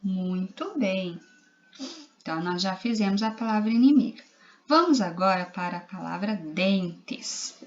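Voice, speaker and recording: A woman teacher with a Brazilian Portuguese accent talks slowly and patiently to young children, spelling out letters and syllables one by one. Her voice sits at a middle pitch. The lo-fi home video audio sounds a little dull. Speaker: primary school teacher. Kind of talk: recorded literacy lesson for young children.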